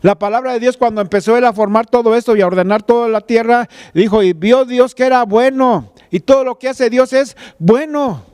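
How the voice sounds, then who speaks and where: Male pastor, high smooth voice, conversational sermon delivery, talks right to the listener. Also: brisk, hardly any pauses, a little mellow. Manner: preaches conversationally, retelling a scripture story with quoted pleas; addresses listener directly as "tú".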